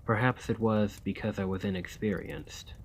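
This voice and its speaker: A man playing a weary, courtly, centuries-old vampire and former soldier in an ASMR roleplay, speaking in formal, old-fashioned, measured diction. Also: lowish voice, steady tone, slight background noise, lightly acted. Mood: haunted, sorrowful.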